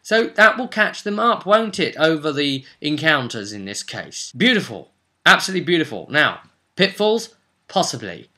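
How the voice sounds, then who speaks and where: Speaking at a normal speed in a high-leaning, pushed and bright voice, a man hosting a tabletop role-play tutorial series gives an informal explanatory monologue. He's very animated, emphatic and opinionated in a conversational way, reading out rules as he goes.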